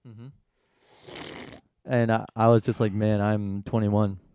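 A man's voice: lowish voice, flat delivery, slow pace, warm tone, clean tone, dry recording. A man in his twenties co-hosting a podcast, goofy and laughing in casual chat. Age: 20s. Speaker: podcast co-host.

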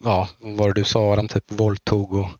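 A man's voice: on the low side, level tone, a little mellow, no echo. A man from the Nordic countries chatting casually as a podcast host, rambling with many halts and restarts. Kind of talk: casual chat. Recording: dull lo-fi dry recording.

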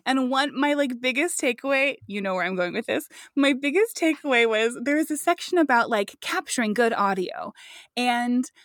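A woman's voice: on the high side, animated, moderate pace, a bit bright, no room sound, studio quality. A woman chatting casually as a gushing, giggly podcast co-host, recorded inside a closet. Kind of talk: casual chat. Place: inside a sizable home clothes closet.

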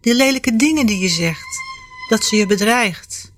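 A woman voicing a gentle, patient grown-up caretaker who speaks calmly and matter-of-factly. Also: on the high side, unhurried, no room sound. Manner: calm, level and matter-of-fact.

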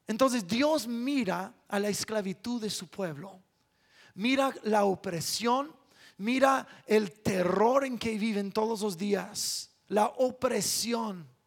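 A male preacher delivering a sermon, building to sudden loud, shouted climaxes. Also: sits high, slow pace.

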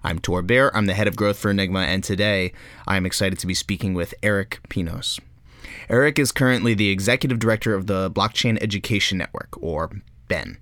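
A man hosting a podcast, reading a polished intro and then chatting with his guest in a friendly, measured way. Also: low voice, fairly bright tone, dry recording, clean studio sound. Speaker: podcast host. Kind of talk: scripted intro, then interview chat.

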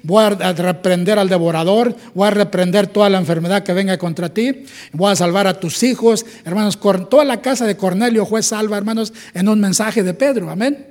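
A man's voice: sits high, fairly quick, darkish tone. A man from Mexico with a Mexican Spanish accent preaching a sermon, often breaking in with calls to the brethren and amens. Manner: repetitive, calls "hermanos" and "amén" often. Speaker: pastor.

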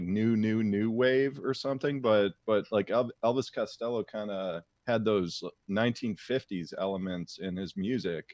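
Fumbling co-host reviewer, lowish voice, dry muffled remote sound. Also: male voice, dry recording. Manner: halting, repeats words, relaxed. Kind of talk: casual review chat. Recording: dry, slightly dull remote audio.

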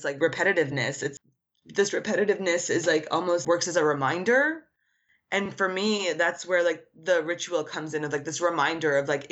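An artist whose first language is Arabic answers interview questions earnestly and reflectively as a guest, often using "like" as filler. Her voice is deep and a bit bright, and the sound is lo-fi.

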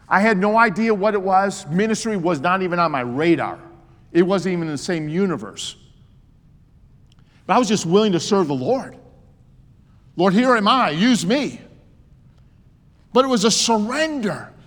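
A man's voice: sits high, lively intonation, normal speed, pauses often, a bit bright. A man in his sixties preaching a sermon with emphasis and joking asides. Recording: long hall reverb.

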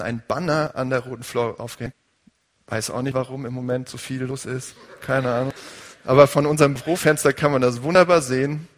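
A man's voice: medium pitch, in a large hall. A male pastor preaching a conversational sermon and putting questions to his congregation.

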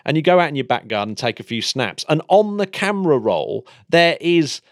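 A man's voice: on the high side, sing-song, moderate pace, dry recording, studio quality. A man in a casual science chat, hesitant and hedging, with many restarts. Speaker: podcast co-host.

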